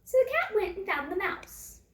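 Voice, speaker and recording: A woman reading a classic fairytale aloud in a lively sing-song way, then chatting warmly to children. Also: very high-pitched, moderate pace. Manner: animated, sing-song storybook delivery; chatty, addresses children directly. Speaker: storyteller. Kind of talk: reading a picture book aloud. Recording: roomy echo, a distance from the mic.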